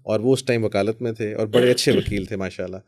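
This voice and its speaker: A man's voice: fairly low pitch, fairly even intonation, quick pace, a little mellow. Pakistani man, 40s, lawyer guest on a podcast; conversational, drops English phrases into his talk.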